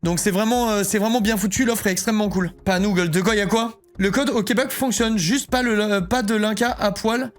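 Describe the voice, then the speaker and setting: A man's voice: high voice, fairly even intonation, fairly quick, few pauses. A man streaming live, chatting casually and joking while he reads his chat aloud.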